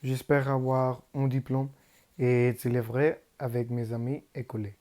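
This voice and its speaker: His voice is warm and medium-pitched, delivered flatly. He's a teenage high school student from Mexico, a native Spanish speaker with a Mexican Spanish accent, carefully and haltingly reading a prepared class presentation as a learner would.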